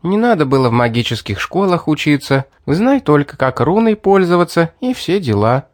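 A man's voice: fairly high pitch, sing-song, normal speed, dry recording, studio quality, voice pushed up. A man voicing a scheming young woman from a fantasy audiobook who coaxes, mocks and threatens. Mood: commanding. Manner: mocking, coaxing and threatening. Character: scheming young woman, sweetly coaxing and cold.

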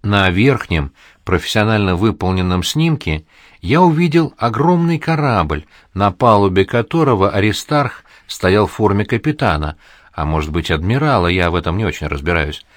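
A man's voice: on the low side, big pitch swings, normal speed, dry recording, studio quality. Man narrating an audiobook.

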